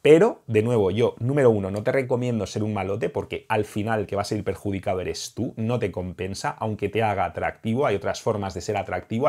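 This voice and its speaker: A man's voice: fairly low pitch, a little mellow. A young man with a Spain Spanish accent, a dating coach talking straight to camera in an emphatic, heated and repetitive vlog monologue.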